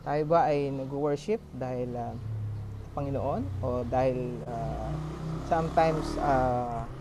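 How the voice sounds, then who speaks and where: A middle-aged Filipino man giving an informal, halting sermon, his speech slightly slurred from a swollen mouth after having a tooth pulled. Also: mid-range voice, mellow, a little hiss or hum. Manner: halting, hesitant. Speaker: church member giving a short sermon. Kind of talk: informal sermon in mixed Tagalog and English.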